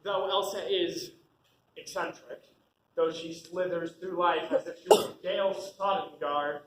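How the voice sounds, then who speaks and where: A woman's voice: lowish voice, steady tone, measured pace, natural voice. A woman playing an arch, cutting guest. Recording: echoey auditorium, faint noise.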